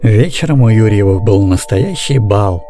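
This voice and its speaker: A man narrating a children's story aloud in an expressive, animated way. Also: lowish voice, normal speed, soft background music. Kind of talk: audiobook reading of a children's story.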